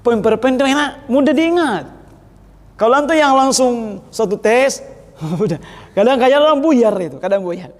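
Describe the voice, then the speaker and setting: A man's voice: very high voice, lively intonation, moderate pace. A man teaching a class how to preach, giving blunt feedback and laughing now and then. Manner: gives blunt advice and often laughs. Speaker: teacher of sermon practice. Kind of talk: classroom feedback on public speaking. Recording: echoey hall with long reverb.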